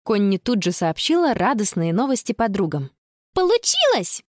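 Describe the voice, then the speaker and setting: A woman narrating a children's audiobook in an expressive storytelling voice. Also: mid-range voice, normal speed, dry recording, clean studio sound.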